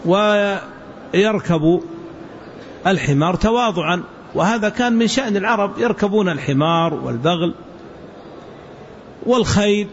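A man teaching a hadith lesson to students, explaining word forms slowly and repeating them so the class can follow. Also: sits high, animated. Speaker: religious teacher. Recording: dull lo-fi with faint hiss.

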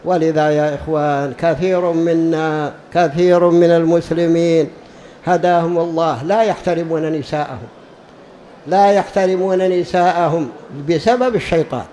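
A man's voice: on the high side, fairly even intonation, normal speed, dark tone, a little hiss or hum, low-quality recording. A man preaching a religious lesson to a gathering, emphatic and repeating key phrases for stress. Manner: drawls words out when demonstrating pronunciation.

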